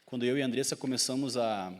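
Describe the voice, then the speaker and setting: A man's voice: medium pitch, fast. A man with a Gaúcho Brazilian accent preaching a sermon as pastor, swelling in intensity and putting questions to the congregation. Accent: Gaúcho Brazilian Portuguese. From southern Brazil (Rio Grande do Sul). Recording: long church hall reverb.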